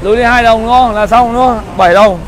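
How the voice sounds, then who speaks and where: A man in his thirties with a northern Vietnamese accent gives a live street sales pitch as a motorbike dealer, in repetitive hawker-like patter. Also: steady tone, fast talker, a faint crowd. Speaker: used motorbike dealer, livestream host. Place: busy street outside a motorbike shop. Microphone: clip-on lapel mic. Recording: loud street traffic noise.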